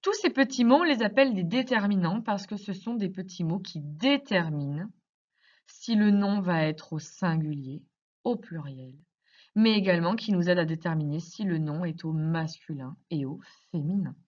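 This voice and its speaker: A woman teacher explaining grammar to young children in slow, careful speech, asking many questions. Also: lowish voice, darkish tone, muffled recording. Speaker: primary school teacher.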